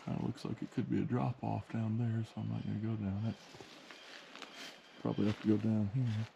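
A man's voice: lowish voice, little pitch movement, fairly quick, creaky, lo-fi sound, background noise. A man narrating a hike outdoors in a forest in a laid-back, casual way, chuckling often. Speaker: hiking vlogger. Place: outdoors in a forest among boulders.

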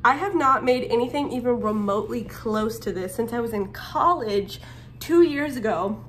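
A woman's voice: on the high side, normal speed. A woman in her twenties, a stay-at-home mom, chatting casually and rambling a little while filming herself at home. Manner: chatty, rambling, with fillers and restarts. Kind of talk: casual get-ready-with-me vlog. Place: home, by a small guest bathroom. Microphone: phone held at arm's length. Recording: home vlog with faint fan noise. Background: air conditioner hum.

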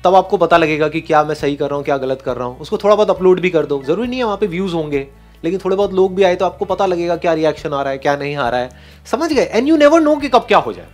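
Animated high-voiced motivational speaker man. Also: fast talker, faint music behind. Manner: animated, encouraging, laughs often. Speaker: speaker on stage. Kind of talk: motivational talk with audience.

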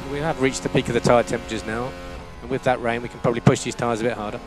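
With music playing underneath, a man at medium pitch rattles off terse, matter-of-fact race engineer instructions very fast over team radio, his tone steady as he repeats key phrases. It comes across as a team radio transmission.

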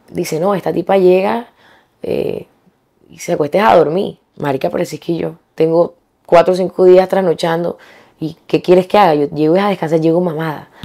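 A young woman from Colombia, a singer being interviewed, talking frankly and colloquially, pausing and restarting as she thinks. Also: low-pitched, darkish tone. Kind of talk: candid interview conversation.

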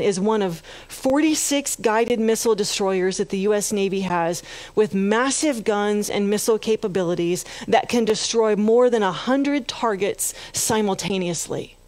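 A woman's voice: medium pitch, darkish tone, dry recording. A woman pastor preaching a sermon, retelling a story and building to fervent emphasis. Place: church.

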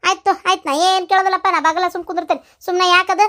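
A woman's voice: very high voice, level tone, racing, sharp tone. A woman voicing a self-pitying old village woman in a cartoon, scolding and complaining with a North Karnataka accent. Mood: grumbling. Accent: North Karnataka Kannada.

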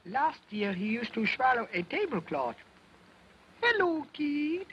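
A man's voice: very high voice, very animated, unhurried, very noisy, pitched above the performer's own voice, heavily acted. A man voicing a cheeky, wisecracking male ventriloquist dummy who talks back, in early sound film acting. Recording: dull old film soundtrack with music.

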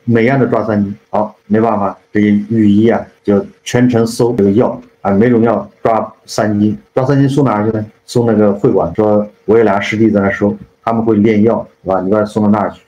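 Guy rambling through an old novel, super fast, lots of filler words, dark mellow voice, echoey room. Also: lowish voice, fairly even intonation. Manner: rambling, many repeated fillers and tag questions. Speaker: storyteller, channel host. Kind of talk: casual retelling of a classic novel. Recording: roomy, slightly dull sound.

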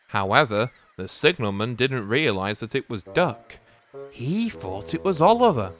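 A man narrating a storybook tale about engines in a gentle, unhurried way. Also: mid-range voice.

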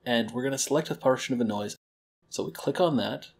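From his home's combined kitchen and living room, a young library program host walks viewers through audio editing one step at a time in a friendly manner. His voice is mid-range and a little mellow, and he speaks a little fast.

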